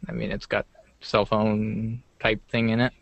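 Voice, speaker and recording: A man's voice: fairly low pitch, level tone, measured pace, gravelly, no echo. A man co-hosting a tech show, talking in a laid-back, easy way. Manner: laid-back, laughs often. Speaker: podcast co-host. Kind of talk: casual chat.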